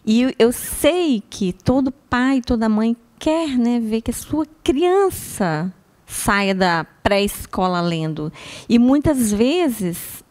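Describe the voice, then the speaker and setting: A woman's voice: on the high side, expressive, slow pace, darkish tone. A woman, an educator explaining things in a teacherly way during a casual chat.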